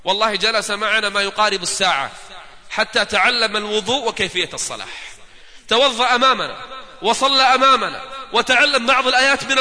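A man's voice: extremely high pitch, pushed and bright. A man preaching a sermon, retelling stories with quoted dialogue and rhetorical questions to his listeners. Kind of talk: sermon storytelling. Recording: long hall reverb.

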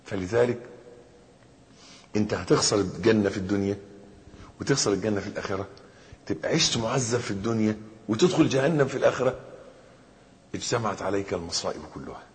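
Egyptian preacher in a reverberant hall. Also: male voice, on the low side, fast, long pauses. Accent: Egyptian Arabic. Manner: swings between hushed reflection and loud emphatic outbursts. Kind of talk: sermon.

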